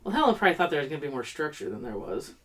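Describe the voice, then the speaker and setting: A woman in her late thirties tells stories on a casual podcast with blunt, salty language. Her voice sits lower than most women's. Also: big pitch swings, very fast. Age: 30s. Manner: blunt, swears freely, storytelling. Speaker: podcast co-host. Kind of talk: casual chat.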